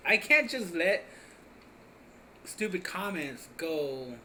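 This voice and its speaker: Young man, lively up-and-down voice, bright tone, laughs a lot, stumbles over words. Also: high voice, slow pace, a little hiss or hum. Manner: animated, laughs often, stammering restarts. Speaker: podcast host. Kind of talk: casual chat.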